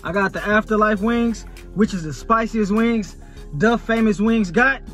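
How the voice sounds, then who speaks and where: A man's voice: sits high, a little slow, fairly bright tone, faint music behind. A man in his thirties chatting casually to camera inside a parked truck, slangy and swearing freely. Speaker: food challenge vlogger.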